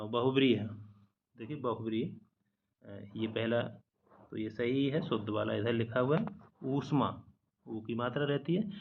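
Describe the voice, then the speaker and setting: A man's voice: medium pitch, vocal fry, narrow, tinny audio, slight background noise. A man teaching a spelling lesson from slides, patiently repeating each correct word and mixing English words into his explanations. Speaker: exam-prep teacher.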